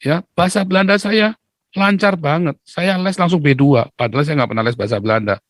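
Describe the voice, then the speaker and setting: A man from Indonesia, a pastor and YouTuber, talking casually to his viewers in an animated way, keeps asking rhetorical questions and answering them himself, with teasing laughs. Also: fairly high pitch, brisk, no echo. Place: Netherlands.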